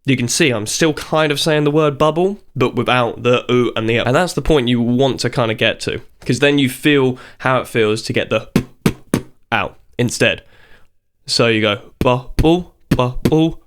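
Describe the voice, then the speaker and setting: A man's voice: mid-range voice, normal speed, background noise. A man giving a casual video tutorial on beatboxing. He talks in a chatty, informal way and stops to demonstrate the sounds. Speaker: beatbox teacher.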